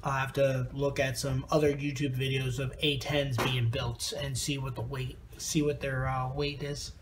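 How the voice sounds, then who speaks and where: A man's voice: medium pitch, little pitch movement, moderate pace, noisy background. A tired man giving a rambling, casual review of a plastic model kit, with lots of ums and uhs.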